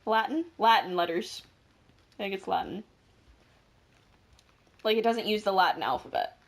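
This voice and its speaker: Lively, rambling teenage girl. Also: mid-range voice, moderate pace, vocal fry. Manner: rambling, self-correcting, jokey. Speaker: podcast co-host. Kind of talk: casual chat.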